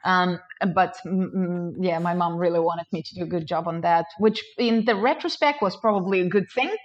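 A woman's voice: lowish voice, moderate pace. Chatty woman from Ukraine, lo-fi. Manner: chatty, many fillers, laughs often. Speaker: composer and pianist, guest. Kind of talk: casual interview conversation.

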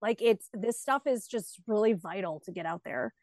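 A woman hosting a podcast, chatting casually in a bubbly, expressive way. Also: medium pitch, moderate pace, no echo, clean studio sound. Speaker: podcast host.

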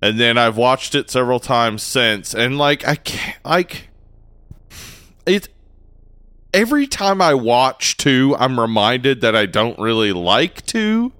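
Man, podcast co-host, bright forceful voice, dry sound, casual chat. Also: medium pitch, slow pace, clear, resonant tone, no room sound. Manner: animated, laughs often, enthusiastic.

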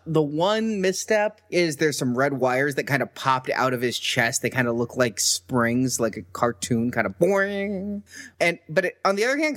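Man, podcast co-host, casual chat, wry, joking, opinionated, mid pitch. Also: fairly bright tone. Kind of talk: casual chat about collectibles.

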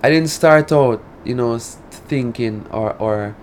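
With a mid-range voice and a somewhat slow pace, this Jamaican man talks casually in Patois as an interviewed artist. He comes from rural Saint Elizabeth and has a country drawl. A little hiss or hum can be heard.

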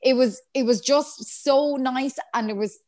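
A woman's voice: high voice, unhurried, a little mellow. Chatty woman with a west of Ireland accent. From Galway, west of Ireland. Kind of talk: casual chat.

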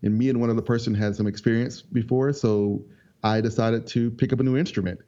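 Soft-spoken young man, dull lo-fi sound. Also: medium pitch. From North Carolina. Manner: relaxed, rambling, with many ums and quick laughs. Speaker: interview guest, multi-instrument musician. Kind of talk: casual interview chat. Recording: dull lo-fi audio.

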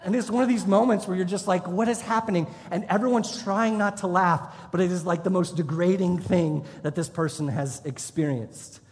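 A man's voice: high-pitched, normal speed, few pauses. Man preaching in a reverberant hall. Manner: storytelling, shouts when acting out a drill instructor. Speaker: pastor. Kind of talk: sermon. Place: church hall.

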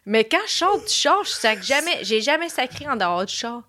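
A young woman with a Quebec French accent, guest in a casual chat, animated and laughing, sometimes yelling for effect. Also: on the high side, moderate pace.

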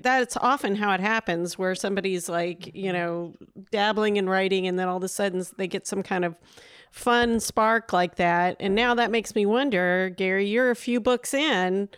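A woman's voice: mid-range voice, normal speed, a bit bright, smooth, no echo, clean studio sound. A woman co-hosting a podcast interview, asking questions in an encouraging way. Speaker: podcast co-host. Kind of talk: casual interview chat.

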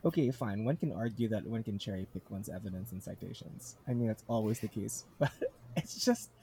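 A man's voice: lowish voice, a little fast, dark tone, a little hiss or hum. A man hosting a book discussion, articulate and enthusiastic, who also reads passages aloud.

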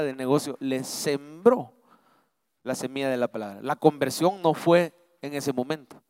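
High-voiced Salvadoran pastor preaching. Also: male voice, clean tone, no echo, clean studio sound. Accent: Salvadoran Spanish. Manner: storytelling, rising to fervent proclamation. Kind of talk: sermon. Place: church, live service.

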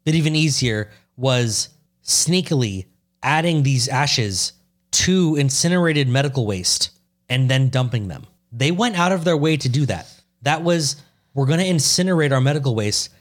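A man's voice: medium pitch, animated, measured pace. A man co-hosting a podcast in casual chat, swearing freely and teasing his co-host with mock outrage.

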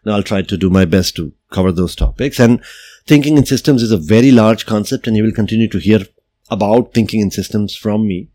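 A man's voice: on the low side, a little fast, mellow, no room sound. A middle-aged man hosting a solo podcast, explaining ideas in a reflective, conversational way and often checking in with "right?" and "you know.". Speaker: podcast host.

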